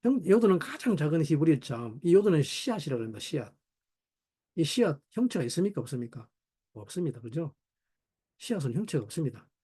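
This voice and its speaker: Middle aged guy pastor doing bible study, kinda high voice but mellow, keeps asking "right?". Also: brisk, husky. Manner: animated, rhetorical questions, voices his wife in quotes. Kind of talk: sermon-style Bible teaching.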